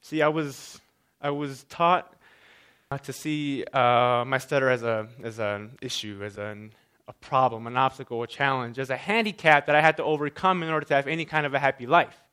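On stage, a man who stutters gives a personal talk, frequently repeating sounds and restarting words. His mid-range voice is clear, resonant and sharp, holding a steady tone at a moderate pace.

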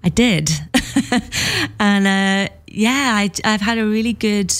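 A woman's voice: mid-range voice, takes it slowly. A woman from Wales, a music producer, chatting candidly as a studio guest on a radio show and laughing often. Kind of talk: casual radio interview.

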